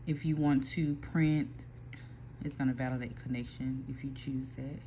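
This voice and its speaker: A small print shop owner gives a casual screen-recorded software tutorial, explaining a computer workflow step by step in a mid-pitched, easygoing, steady voice that pauses and restarts. It sounds captured by a phone filming the computer screen in an ordinary indoor workspace, with a faint background hum beneath.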